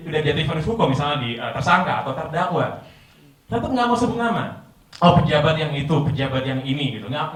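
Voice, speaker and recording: A man's voice: on the high side, a bit bright. A man doing stand-up comedy, firing rhetorical questions at the audience. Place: live event hall with audience. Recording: very echoey hall, distant mic, audience.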